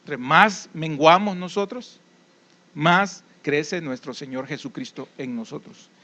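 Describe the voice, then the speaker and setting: High-voiced Salvadoran man preaching. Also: slow, sharp tone. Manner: conversational preaching with folksy anecdotes and tag questions. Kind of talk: sermon.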